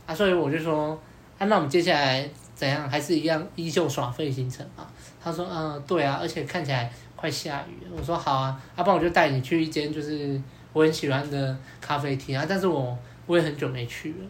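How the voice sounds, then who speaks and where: A man, hosting a podcast and telling a story in a casual, animated way, acting out both sides of the dialogue with many fillers. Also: on the high side, brisk, slight background noise. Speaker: podcast host.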